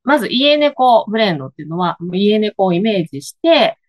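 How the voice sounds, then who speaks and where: A woman's voice: medium pitch, big pitch swings, fairly quick. A woman from Osaka with an Osaka accent, explaining things casually in a hesitant way with small self-corrections. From Higashiosaka, Osaka, Japan. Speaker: guest, coffee bean shop owner. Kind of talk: casual interview conversation. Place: at home, on a video call.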